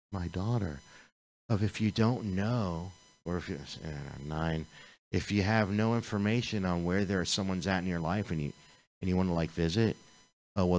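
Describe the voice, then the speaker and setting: A man's voice: low voice, a little mellow, poor audio. A man giving an informal, earnest sermon at a spiritual community gathering, rambling and restarting his sentences. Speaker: speaker at a spiritual community service. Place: live-streamed community gathering.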